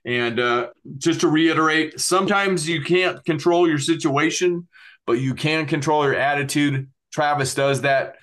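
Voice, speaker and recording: A man's voice: fairly high pitch, unhurried, fairly bright tone. A middle-aged man hosting a podcast, earnestly thanking his guest and listeners and plugging websites, with many fillers. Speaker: podcast host.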